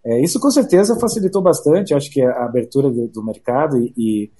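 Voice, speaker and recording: A Brazilian man giving casual, halting explanations as an interview guest, with frequent tag questions. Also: medium pitch, animated, warm tone, a little hiss or hum. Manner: halting, frequent "né" tags and repeated words.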